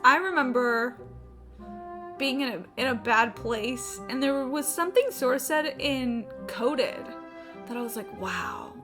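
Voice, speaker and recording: A woman live streamer chats casually while gaming, with video game music playing in the background. Her high voice has lively intonation and a measured pace, and she's opinionated, emphatic, and swears freely.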